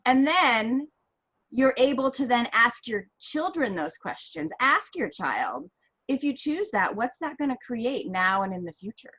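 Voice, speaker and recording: Co-host, woman with a bright, higher voice, summarizes and gives advice. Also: very animated, unhurried, husky, low-quality recording. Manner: sums up points and gives advice. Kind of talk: casual podcast chat.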